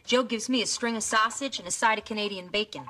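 A woman's voice: medium pitch, fast talker, natural voice. Woman playing wry american neighbor lady, sitcom, mid voice, noisy audio. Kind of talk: sitcom acting. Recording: noisy TV soundtrack.

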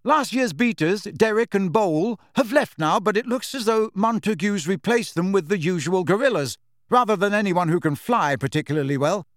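A man voicing a brisk, businesslike young female team captain. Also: high voice, animated, no room sound, studio quality, voice pushed up.

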